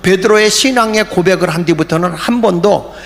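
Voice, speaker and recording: A man preaching a fervent revival sermon as pastor, shouting at the peaks and dropping into joking asides. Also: sits high, fairly quick. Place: large prayer retreat hall. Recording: echoey hall with faint ambience.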